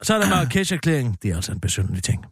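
A man co-hosting a comedy show, rambling about politics in a mock-pompous, animated way. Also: medium pitch, vocal fry, husky, no room sound, studio quality. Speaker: satirical co-host.

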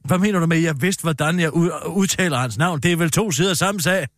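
A man's voice: a little high, no echo. A man hosting a comic radio show, trading dry, sarcastic banter and reading mock news. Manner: dry, sarcastic, correcting others. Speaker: radio host.

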